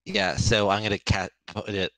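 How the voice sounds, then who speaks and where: A man's voice: fairly low pitch, flat delivery, normal speed, fairly bright tone, no room sound, rough recording. A man playing a tabletop game, casually describing what his character does.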